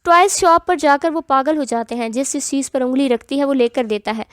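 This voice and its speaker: High-voiced woman reading a novel. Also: fairly bright tone, dry recording, clean studio sound. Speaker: narrator. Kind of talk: reading an Urdu romance novel aloud.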